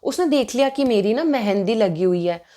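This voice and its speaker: A woman's voice: fairly high pitch, animated, moderate pace, dark tone. A woman in her twenties casually telling a personal story to camera, chatty and indignant, switching between Hindi and English mid-sentence.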